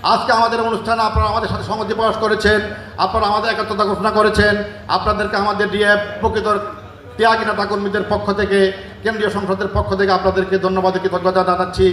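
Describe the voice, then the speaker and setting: A man's voice: very high voice, roomy sound. A man giving a fiery, repetitive political speech at a protest rally. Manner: forceful, repetitive, threatening.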